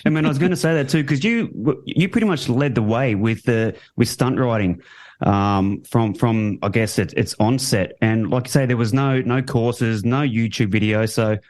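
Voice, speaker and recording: A man's voice: mid-range voice, moderate pace, a little mellow. An Australian man co-hosting a casual interview in a jokey, matey way. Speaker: interview co-host. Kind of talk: casual chat.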